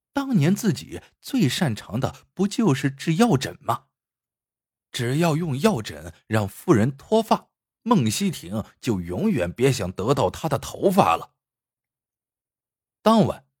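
A man telling a traditional folk tale in an expressive, rising and falling storytelling voice. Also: mid-range voice, breathy edge, no echo, clean studio sound.

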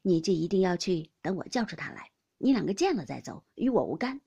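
Storybook bit part: busy young party host, quick and friendly, gravelly tone, voiced by a female reader. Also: lowish voice, big pitch swings, dark tone, exaggerated voice. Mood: brisk.

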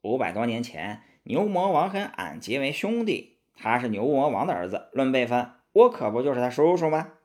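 A man's voice: mid-range voice, very animated, moderate pace, hardly any pauses, lightly acted. Sun Wukong, a man doing a cocky monkey king. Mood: cheerful. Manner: boastful and teasing. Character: boastful, cheeky monkey king. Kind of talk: children's storybook narration.

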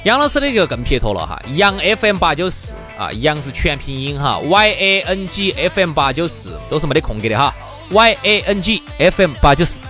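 A quick-talking man with a Sichuanese accent co-hosts a chatty radio show. His voice is high and animated, and he jokes by repeating phrases, with light music underneath. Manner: joking, repeats phrases for effect. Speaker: radio talk show co-host. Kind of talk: bantering casual chat. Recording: music bed behind the voice.

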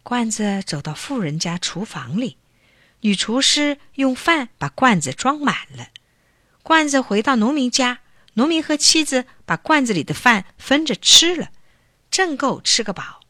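A woman narrating a children's folk tale with an expressive storybook delivery. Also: a little high, measured pace, no echo, clean studio sound.

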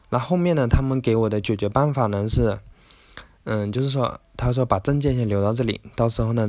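A man's voice: medium pitch, a little mellow, no echo. Chatty man with a dry close sound. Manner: chatty, rambling, many filler particles. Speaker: podcast host. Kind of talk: casual self-help talk.

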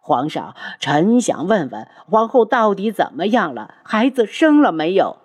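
A woman's voice: mid-range voice, sing-song, measured pace, a little mellow, slightly rough, no room sound, studio quality. A woman voicing an old male chancellor who pleads tearfully with the emperor. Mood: pleading. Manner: pleading, mournful.

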